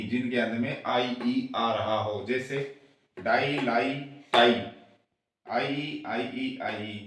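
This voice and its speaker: Guy teaching english rules in hindi, talks real slow, heavy echo, mic kinda far off. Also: mid-range voice, fairly bright tone, slight background noise. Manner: spells out letters and sounds slowly, repeating rules in both languages. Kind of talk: slow explanatory lesson, mixing Hindi and English. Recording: very echoey room, voice far from the mic.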